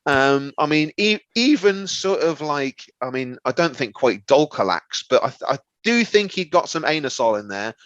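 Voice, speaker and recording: A man in casual comic storytelling mode, his pitch swinging widely as he rambles and trips over words. The sound is dry and a little dull, like a lo-fi close mic. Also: sing-song, normal speed, hardly any pauses, a bit bright, no room sound. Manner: rambling, stumbles over words, laughs often. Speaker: podcast co-host. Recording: slightly dull, lo-fi.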